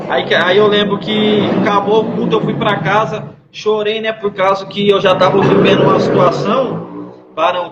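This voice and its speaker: Male guest, high-pitched, monotone, sharing a heartfelt testimony in an echoey room. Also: highs cut off, a little hiss or hum. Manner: repetitive, earnest storytelling with church slang. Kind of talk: emotional personal testimony.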